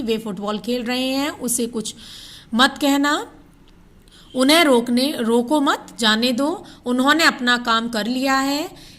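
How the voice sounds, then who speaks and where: A woman teacher walks children through a grammar lesson. Her voice sits a little high, and she reads each example sentence aloud at an unhurried pace. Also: fairly bright tone. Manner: addresses children directly.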